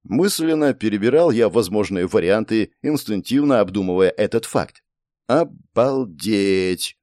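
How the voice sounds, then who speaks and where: A man narrating a first-person fantasy audiobook in an expressive storytelling manner. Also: fairly low pitch, normal speed, dry recording, studio quality.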